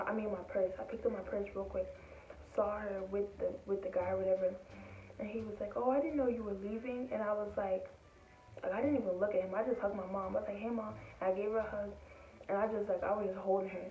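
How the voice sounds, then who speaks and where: A woman's voice: mid-range voice, slight background noise. A teenage girl tells a school story in a loose, rambling way, packing every line with "like" and slipping into the voices of the people she quotes. She sits back from the mic, so her voice comes through thin and phone-like with a hollow room around it. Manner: rambling, full of "like" fillers. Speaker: vlogger telling a story. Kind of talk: casual storytime. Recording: tinny, roomy, distant from mic.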